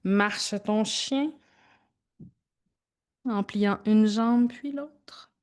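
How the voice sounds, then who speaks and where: A woman teaches a gentle yoga class, giving soft, informal cues with pauses as she demonstrates. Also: mid-range voice. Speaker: yoga instructor.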